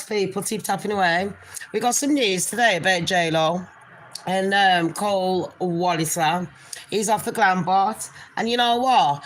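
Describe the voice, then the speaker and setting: Hosting a gossip livestream, a woman chats loosely and rambles in a nasal, mid-pitched voice, often calling her viewers people or darlings. It's casual live chat, with a little hiss or hum in the recording.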